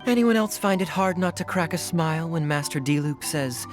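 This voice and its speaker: Here the sly young knight captain of the game's cutscenes sounds a little high but close to an everyday voice, moving at a moderate pace. His talk is dry and playfully teasing, with faint music in the background.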